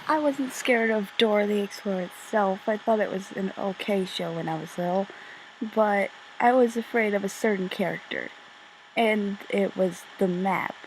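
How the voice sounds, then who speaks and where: A woman narrating a casual, self-deprecating video in a deadpan, slightly bored way, stumbling over words as she speaks from under a blanket. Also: medium pitch, moderate pace, rough recording. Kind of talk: casual scripted commentary, childhood reminiscence. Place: under a blanket in a bedroom corner. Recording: amateur under-blanket bedroom recording, faint noise.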